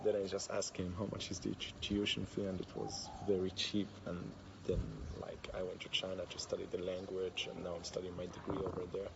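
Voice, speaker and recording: A man from Morocco, a student, speaking English in a relaxed, hesitant way. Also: low-pitched, a little fast, vocal fry, hardly any pauses. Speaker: expat student. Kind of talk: casual talk to camera. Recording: dull, noisy recording.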